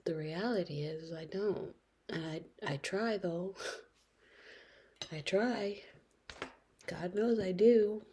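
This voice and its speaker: A woman in her late twenties talking slowly and reflectively in a personal video diary, hesitant, her husky voice often sinking to a whisper. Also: lowish voice. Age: 20s. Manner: slow, reflective, hesitant, with soft laughs. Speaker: vlogger.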